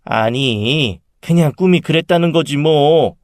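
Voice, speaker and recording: A man voicing a chatty middle-aged aunt who tells about a dream in a drawn-out, gossipy way. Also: on the high side, no room sound, clean studio sound, voice pushed up. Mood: reassuring.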